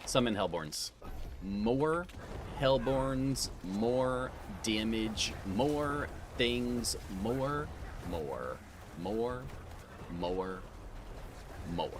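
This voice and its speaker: Playing a game live, this man talks casually to his audience, welcoming people by name and addressing them as sir. His voice is medium-pitched with lively intonation and drawn-out words. Background noise can be clearly heard.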